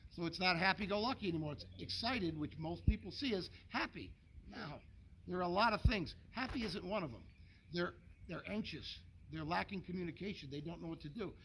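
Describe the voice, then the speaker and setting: A dog trainer explains canine behavior to an owner in a casual, folksy way, leaning on everyday comparisons. His voice sits high for a man and has a rough, gravelly texture. It is recorded outdoors, with clear background noise and dogs nearby. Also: fairly bright tone. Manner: folksy, explains with homely analogies, checks in with "okay?".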